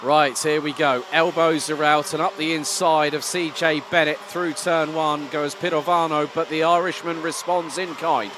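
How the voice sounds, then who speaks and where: A male motorsport commentator calls a live kart race in a somewhat high voice. He uses colourful, dramatic phrasing to describe the action. Clear trackside engine noise runs behind him. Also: fairly even intonation, a little slow, hardly any pauses.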